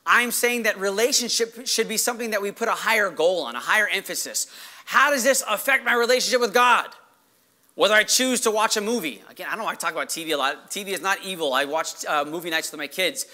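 A man preaching as a pastor in a conversational, emphatic way, his voice hoarse and giving out. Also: sits high, fast talker, sharp tone. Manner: conversational, emphatic, checks in with "right?". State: hoarse, losing his voice after yelling. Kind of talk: sermon to a congregation.

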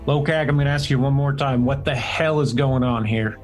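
A man's voice: mid-range voice, fairly quick, soft background music, close to an everyday voice. A man voicing a hot-tempered young male goliath warrior who talks in an angry, sarcastic, confrontational way. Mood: angry sarcasm.

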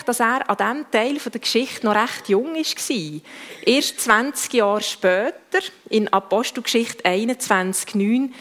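Swiss German woman preaching a sermon. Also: fairly high pitch. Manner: conversational, with self-corrections.

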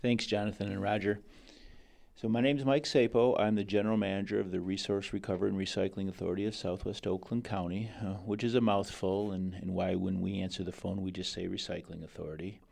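A man explains things as an interview guest, choosing measured, formal words. His voice is deep and gravelly, recorded dry. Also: fairly even intonation, darkish tone, dry recording. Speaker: interview guest, general manager.

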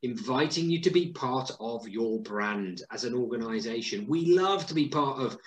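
A man's voice: medium pitch, lively intonation, normal speed, a little hiss or hum. A man co-hosting a business podcast, chatting casually and upbeat with lots of tag questions. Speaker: podcast co-host. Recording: roomy echo.

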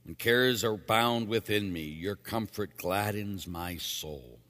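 Low-voiced priest in a reverberant church. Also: male voice, takes it slowly, fairly bright tone. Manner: plain-spoken, emphatic, casual asides. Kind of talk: scripture reading and homily.

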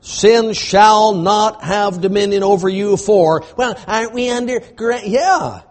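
Man, preacher, high-pitched, emphatic, repetitive sermon cadence. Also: measured pace.

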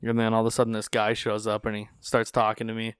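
In a small studio with a studio podcast mic, a North Dakotan podcast host tells stories in casual conversation, animatedly imitating those he quotes. His voice is lowish, clear, and resonant, he speaks fast, and the studio-quality sound has no room tone.

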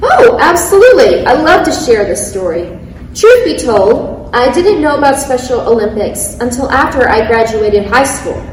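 Speaking on a panel in a large event hall, an athlete in her thirties reads her prepared remarks with eagerness, laughing whenever she trips over a word. She has a high-pitched, sing-song voice and talks at a normal speed. The mic sits at a distance in the echoey hall, with slight background noise.

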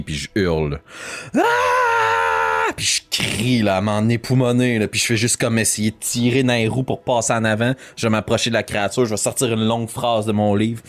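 Low-voiced man playing a tabletop game. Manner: casual, describes his character's actions. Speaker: player.

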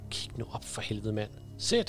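A man voicing a panicked young man who shouts and curses as zombies close in, over background music. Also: fairly low pitch, very animated. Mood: alarmed shouting. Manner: shouting and cursing in alarm.

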